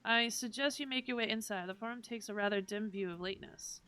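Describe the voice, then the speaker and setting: Woman voicing a stiff formal gatekeeper, bright clear voice, chiding. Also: fairly high pitch, fairly quick, soft background music. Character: stern officious doorkeeper of a council.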